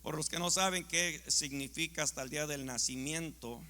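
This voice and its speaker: A male pastor preaching a sermon with passion, swinging from loud to hushed. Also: a little high, moderate pace, in a large hall. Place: church sanctuary.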